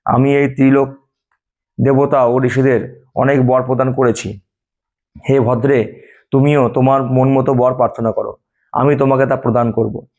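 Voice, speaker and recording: A man voicing the god Vishnu, a majestic male deity granting boons, in a solemn, measured storytelling read. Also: mid-range voice, level tone, darkish tone, lightly acted.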